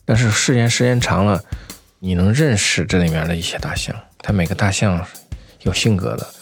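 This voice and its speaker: A man telling first-person stories in an unscripted interview, conversational and halting, often repeating phrases. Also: low voice, soft background music. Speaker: anti-poaching patroller, interview guest.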